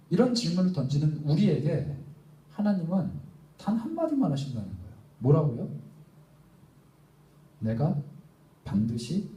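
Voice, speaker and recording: Young guy preaching, lots of rhetorical questions, pitch swings all over, sounds far off in an echoey room. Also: dark tone. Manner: emphatic, full of rhetorical questions. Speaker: youth ministry preacher. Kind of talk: sermon. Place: church hall. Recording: roomy echo, voice heard from afar.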